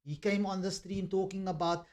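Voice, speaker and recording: A man talking through a preachy commentary monologue. His voice sits a little high, and he circles back over his points with plenty of ums and uhs. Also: steady tone, normal speed, a little mellow. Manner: preachy, repetitive, with many fillers.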